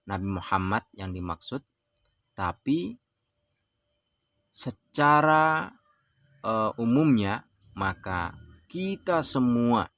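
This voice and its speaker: A male Quran teacher with an Indonesian accent giving a tajwid lesson, chanting example phrases in a raised drawn-out tone and flatly correcting mistakes. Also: on the low side, no echo.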